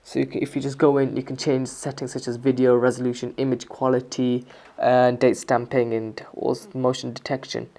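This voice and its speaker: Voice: medium pitch, level tone, fairly quick, warm tone. A person giving a casual, explanatory product review, talking through features step by step in an informal way. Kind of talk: casual scripted-sounding product review narration.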